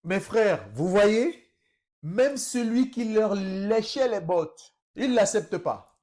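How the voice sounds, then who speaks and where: A man's voice: high-pitched, lively intonation, slow, darkish tone. A man commenting on video clips in a mocking tone, speaking straight to his viewers. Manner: mocking, addresses viewers as brothers. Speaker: political commentator.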